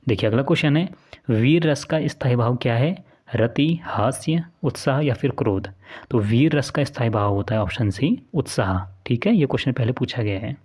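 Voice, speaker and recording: A man's voice: medium pitch, a little mellow, husky. A man giving an exam-prep lesson, explaining answers step by step and repeating key points back as questions. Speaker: teacher.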